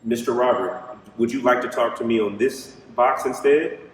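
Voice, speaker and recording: A man's voice: medium pitch, moderate pace. A man hosting a paranormal investigation, asking unscripted questions aloud to spirits and repeating them patiently. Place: large indoor theatre lobby. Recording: very echoey hall, distant mic, noisy.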